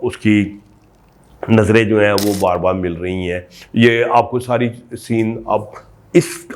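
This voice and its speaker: A man, a doctor giving an explanatory talk and leaning on rhetorical questions. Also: on the low side. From Pakistan. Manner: lively, emphatic, frequent rhetorical questions. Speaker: sexologist doctor.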